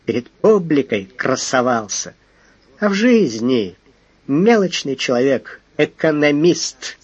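A man's voice: medium pitch, sing-song, a little slow, darkish tone, slightly rough, no room sound, muffled recording. A man doing a haughty, capricious young lady. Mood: scornful. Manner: haughty, indignant. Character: proud, capricious young lady, scornful and tearful.

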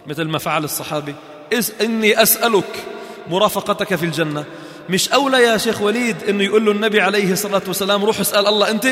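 A man teaching a creed class in a mosque, animated, quoting scripture and bantering with his students. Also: high-pitched. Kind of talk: mosque study-circle lesson. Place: mosque hall. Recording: echoey hall reverb.

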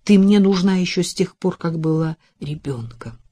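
A woman's voice: on the low side, expressive, moderate pace, warm tone. A woman voicing a heartbroken husband who pleads and cries out in a raised voice, in an audiobook reading. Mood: anguished. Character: anguished heartbroken husband, desperate and bitter.

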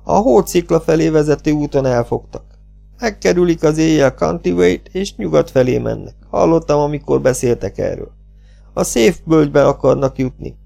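A man voicing a bitter, mocking male captive who talks in a sneering, sarcastic way, with a lively pitch and a gravelly voice. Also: soft background music, exaggerated voice. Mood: plain.

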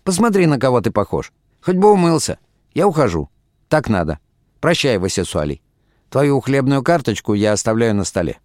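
A man's voice: mid-range voice, big pitch swings, normal speed, darkish tone, dry recording, studio quality, close to an everyday voice. A man voicing a cold, irritated wife in an audiobook, curt and dismissive. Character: cold, cutting wife, adult woman. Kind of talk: audiobook reading.

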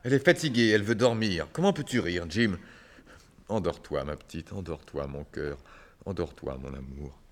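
An actor playing a sad, tender male circus clown who speaks softly and deliberately. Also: deep voice. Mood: bitter. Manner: soft, slow and deliberate, rising to bitter outbursts. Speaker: Celui. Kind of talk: 1960s French radio drama acting.

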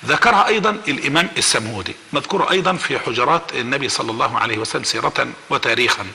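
A man with an Egyptian accent telling a religious story as a guest, acting out the quoted speech of the people in it with lively energy. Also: medium pitch, rapid-fire, vocal fry, in a large hall.

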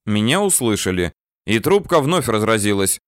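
A man reading a first-person novel aloud as an audiobook narrator, steady and even. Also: lowish voice, normal speed, dry recording, clean studio sound.

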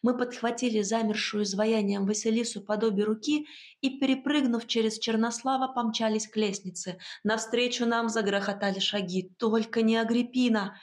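A woman reading first-person fantasy narration for an audiobook in a measured, expressive way. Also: fairly high pitch.

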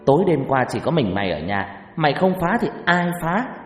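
A man voicing an angry older sister who scolds loudly, heard in an echoey room with faint music behind. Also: big pitch swings, normal speed. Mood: accusing, loud. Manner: shrill accusing scolding. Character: scolding older sister, young woman, sharp-tongued.

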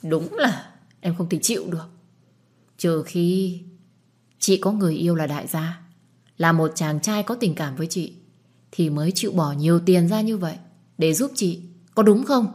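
Woman reading a nosy pushy young girl, husky lowish voice, bossy. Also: darkish tone. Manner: pushy, quick to scold. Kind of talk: audiobook dialogue.

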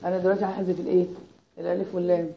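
A woman's voice: fairly low pitch, level tone, very fast, gravelly, dull audio. An Egyptian woman teaching an Arabic grammar lesson, constantly quizzing her students with repeated "what?" prompts. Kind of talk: Arabic grammar lesson with call-and-response questions.

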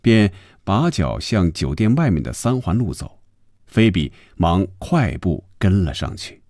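A deep-voiced man narrating a novel for a radio audiobook. He tells it expressively, his low voice rising and falling widely. The recording is dry and close. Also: measured pace, no echo. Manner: expressive, fluid storytelling.

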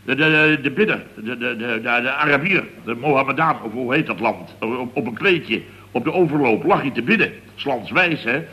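A man's voice: medium pitch, expressive, moderate pace, bright, forceful tone. A man playing a put-upon, grumbling character in a 1960s radio comedy sketch, who rambles and stammers as he tells his story. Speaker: worker at a building firm.

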